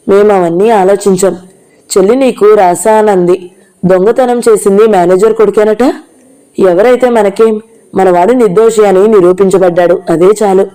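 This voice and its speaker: A reader voicing a calm, principled young husband who speaks firmly in an audio novel. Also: female voice, medium pitch, moderate pace, close to an everyday voice, poor audio.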